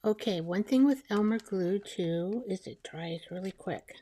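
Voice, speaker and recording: A woman chatting casually as she makes a collage, rambling and talking to herself while she glues, her voice soft and sometimes dropping to a whisper. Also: mid-range voice, a little slow. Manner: soft-spoken, drifting into whispers. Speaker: collage artist. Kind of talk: casual crafting narration.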